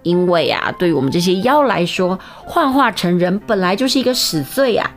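A woman's voice: fairly low pitch, expressive, brisk, faint music behind. A woman voicing a thousand-year-old female fox spirit disguised as a maid, pleading and plaintive. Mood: sorrowful.

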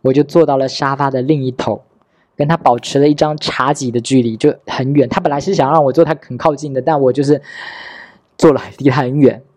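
Speaking a little fast with a mid-range, slightly mellow voice and fairly even intonation, this thirty-something podcast host wryly and candidly recounts a personal story, acting out talks with family members. The recording is dry, with a clean studio sound.

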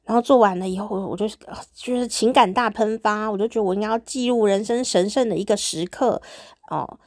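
Taiwanese mandarin lady podcast host, giggly and shy, mid pitch, dry close mic, chatty diary talk. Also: brisk, darkish tone, no echo. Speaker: podcast host, former radio DJ. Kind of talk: casual solo diary chat.

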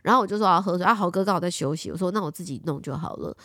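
Brash fast-talking woman. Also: fairly low pitch, a bit bright, dry recording, studio quality. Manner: brash storyteller, swears freely, acts out quotes. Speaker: host. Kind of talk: casual chat.

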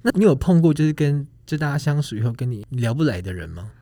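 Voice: medium pitch, sing-song, quick pace, dark tone, no room sound. A podcast co-host with a Taiwanese accent, chatting casually and asking teasing, provocative questions. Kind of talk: casual chat.

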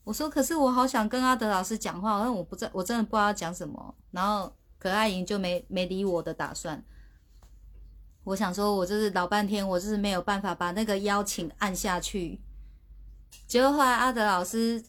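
A woman's voice: mid-range voice, fairly even intonation, brisk, a bit bright. Chatty woman livestreaming. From Taiwan. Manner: chatty, sheepish, stumbling restarts. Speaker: livestream host. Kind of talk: casual livestream chat. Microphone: phone.

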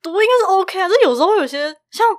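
A woman's voice: very high-pitched, expressive, very fast. A woman with a Taiwanese Mandarin accent, chatting casually as a podcast guest. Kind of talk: casual chat.

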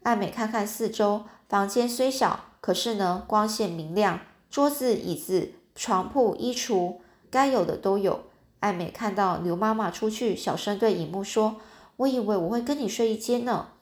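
A woman's voice: medium pitch, measured pace. A woman reading a children's fantasy novel aloud in a casual, chatty way with little asides. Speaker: storyteller.

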